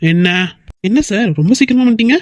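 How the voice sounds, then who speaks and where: A man's voice: extremely high pitch, fast talker, a little mellow, no room sound, studio quality. A man voicing a young male friend in a cartoon skit, ribbing and bluntly scolding his buddy.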